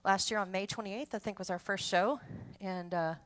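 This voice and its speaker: A woman's voice: medium pitch, steady tone, normal speed, a bit bright. A woman, chatting in a rambling way between polka songs as the host of a music show. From Texas. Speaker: polka band musician hosting an online show. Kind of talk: casual chat between songs.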